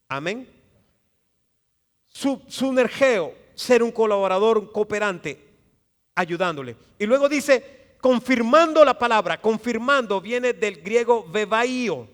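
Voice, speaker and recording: A man preaching a sermon as pastor, leading the congregation in call-and-response and swinging from soft asides to loud emphatic passages. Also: high voice. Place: church sanctuary. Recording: long church reverb.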